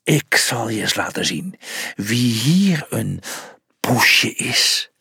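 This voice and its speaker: A storyteller voicing a big, fierce male cat who growls out slow threats. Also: medium pitch, big pitch swings, vocal fry, sharp tone, breathy edge, no echo, clean studio sound, voice pushed down, exaggerated voice. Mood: menacing.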